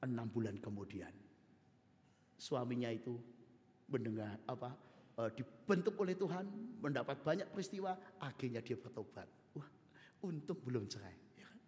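A man preaching a sermon and telling a story in an emphatic, animated way. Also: medium pitch, moderate pace, long reverb tail. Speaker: pastor.

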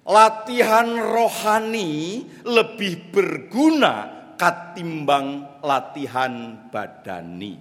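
A high, very lively male voice, preaching slowly and deliberately. He tells his sermon like a dramatic storyteller, leaping from ringing calls to hushed asides. The sound carries a long reverb from a large church hall.

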